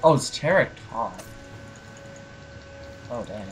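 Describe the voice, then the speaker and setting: A man's voice: medium pitch, animated, slow, soft background music. Young man in casual gaming chat. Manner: laughing, swears casually. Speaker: gamer playing and commentating.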